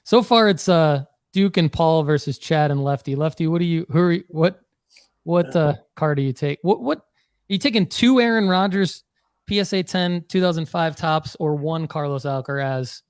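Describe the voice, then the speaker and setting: A man with a slightly high voice hosts a casual podcast panel. He banters bluntly with the others, in a dry, close recording. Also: normal speed, clear, resonant tone, no echo. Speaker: podcast host.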